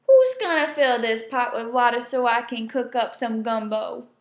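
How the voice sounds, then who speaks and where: A woman's voice: high voice, a little slow, a bit bright, echoey room. A woman voicing an old, grumpy male alligator, exclaiming in a grumbling drawl.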